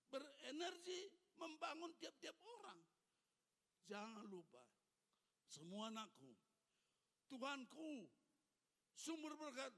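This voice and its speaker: An old man in his eighties preaches with fervor in a strikingly high, gravelly voice, pressing the same exhortations again and again. His tone is bright and forceful. The sound rings with the long reverb of a church hall. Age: 80s. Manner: fervent, repetitive exhortation addressing the congregation directly. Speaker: pastor. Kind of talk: sermon.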